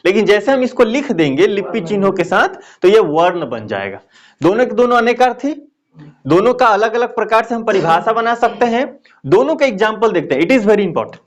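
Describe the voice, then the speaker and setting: A man lectures on grammar in a classroom, explaining slowly, repeating key phrases and constantly questioning his students. His voice is high and sing-song.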